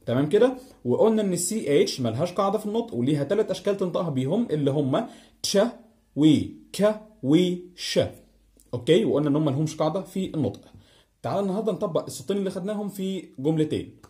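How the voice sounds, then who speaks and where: Animated, mellow-voiced Egyptian teacher. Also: male voice, sits high. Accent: Egyptian Arabic. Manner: repeats each example word slowly several times, checks with "okay?". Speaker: English pronunciation teacher. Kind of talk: online pronunciation lesson.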